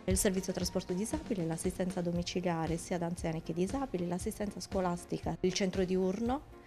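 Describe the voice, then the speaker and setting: A woman's voice: fairly low pitch, fairly quick. A woman representing a cooperative in a documentary interview. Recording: faint music behind.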